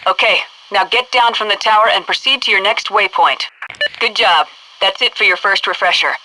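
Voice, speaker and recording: In a video game, an actress plays a stern military headquarters instructor issuing clipped, commanding tutorial orders over a noisy, radio-like transmission. Her medium-pitched voice stays close to everyday speech, and the mood is brisk and instructive.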